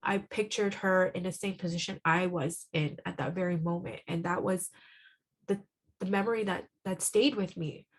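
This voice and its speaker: A woman's voice: lowish voice, steady tone. Earnest woman sharing a painful story. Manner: halting, repeats words and restarts often; earnest and heartfelt. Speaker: podcast guest. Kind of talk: emotional personal testimony.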